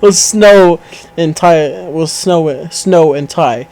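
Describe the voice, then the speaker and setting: Higher-voiced man reading stories aloud. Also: slow, a little mellow, low-quality recording. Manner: reads aloud with stumbles, self-corrections and laughter. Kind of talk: casual reading of online stories.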